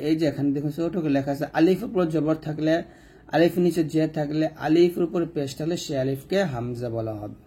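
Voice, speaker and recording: A man with a Bangladeshi Bengali accent teaching a step-by-step recitation lesson, repeating each rule and drilling letters slowly. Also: on the high side, mellow. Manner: repeats rules and drills letters slowly, asks questions to the viewer. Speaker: Quran reading teacher.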